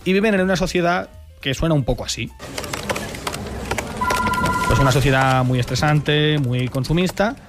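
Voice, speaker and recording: A man's voice: a little high, moderate pace, long pauses, over loud music. A man presenting a radio segment in a studio, enthusiastic and jokey, often adding tag questions. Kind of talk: chatty radio talk segment. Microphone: studio microphone.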